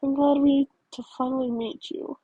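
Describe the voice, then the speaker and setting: A woman doing a sly, deep-voiced skeleton villain. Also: fairly even intonation, moderate pace, warm tone, no echo, dull audio, close to an everyday voice. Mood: menacing.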